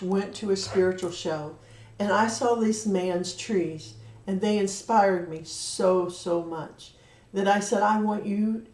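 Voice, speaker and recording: A woman's voice: mid-range voice, darkish tone. A woman giving an angel card reading on a livestream, talking straight to a viewer in an earnest, heartfelt way. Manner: earnest, emotional, talks directly to a viewer. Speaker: card reader and medium. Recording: echoey room.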